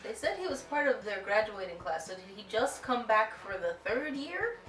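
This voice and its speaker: A woman's voice: mid-range voice, very animated, normal speed, a bit bright, faint music behind. Hesitant woman in a roomy echo. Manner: hesitant, restarts often. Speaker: anime reaction co-host. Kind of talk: casual group discussion. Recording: roomy echo, mic at a distance.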